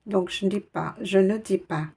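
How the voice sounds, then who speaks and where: A woman's voice: medium pitch, moderate pace, creaky, warm tone, breathy edge. A woman teaching Arabic reading in a patient, encouraging way, naming each letter and sound one by one. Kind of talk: slow step-by-step reading lesson.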